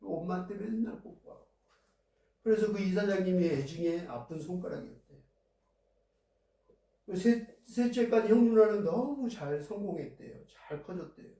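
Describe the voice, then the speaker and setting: A man preaching in a church, his voice pitched high yet soft and mellow. He tells the story in an easy, conversational way. The sound is very echoey, with the voice coming from well back from the microphone. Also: animated, moderate pace, gravelly. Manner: conversational storytelling, recounting events with feeling. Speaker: pastor. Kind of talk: sermon. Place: church sanctuary. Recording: very echoey hall, voice heard from a distance.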